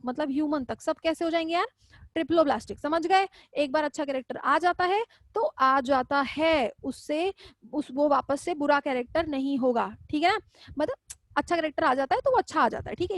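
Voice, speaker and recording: A woman with a high, bright-pitched voice teaches zoology in a live online class. She talks in a chatty, affectionate way and keeps repeating questions back to her students. The sound is dry and close, with no room around it. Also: dry recording. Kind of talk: live online class, casual Hindi lecturing.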